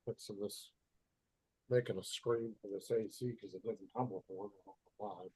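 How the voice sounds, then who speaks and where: Casual man at home, low voice, muffled and far off as if through a wall, dry and dull. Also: fairly even intonation, normal speed, mellow, husky, no echo. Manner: laid-back, rambling. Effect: muffled and distant, as if through a wall. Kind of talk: casual chat.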